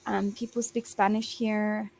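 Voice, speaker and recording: This is a young Australian woman with a mid-range, level, creaky voice and a darkish tone. She tutors English one-on-one by video call, patiently encouraging her student, slowing down to rephrase and filling pauses with lots of ums.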